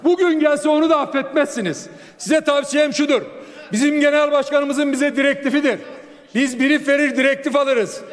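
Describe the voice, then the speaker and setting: Male lawmaker at a rostrum microphone, high and forceful, echoing chamber. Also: fairly even intonation, normal speed. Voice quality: forceful, raised, declamatory delivery. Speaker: member of parliament giving a speech. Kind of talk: parliamentary floor speech. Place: large parliament chamber. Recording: long reverb of a large chamber.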